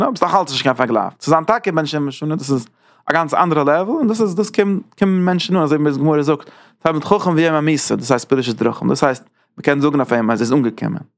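A man giving a Torah lecture at a very fast clip, his voice gravelly with fry. He restarts and repeats phrases as he works through each point. The sound is dry and close, with no room echo. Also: a little high. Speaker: Torah teacher.

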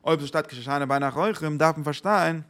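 A man's voice: fairly high pitch, brisk, fairly bright tone. A man giving a Torah lecture, asking rhetorical questions and answering them, with English words mixed in.

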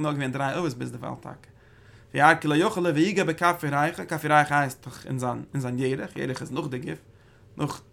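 A man's voice: on the high side, creaky, fairly bright tone. A man giving a religious study lecture, breaking into emphatic bursts and often repeating and restarting his phrases. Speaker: Torah teacher.

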